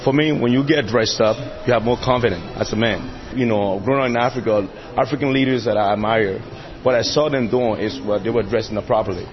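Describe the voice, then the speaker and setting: A man from Liberia speaks in an interview in a proud, measured way. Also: mid-range voice, muffled recording.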